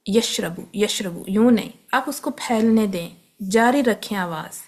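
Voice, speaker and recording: A woman teaching tajweed, patiently explaining where letters are formed and repeating each sound slowly, with English words mixed in. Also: on the high side, darkish tone. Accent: Pakistani Urdu. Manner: patient, step-by-step instruction mixing in English terms. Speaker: Quran recitation teacher.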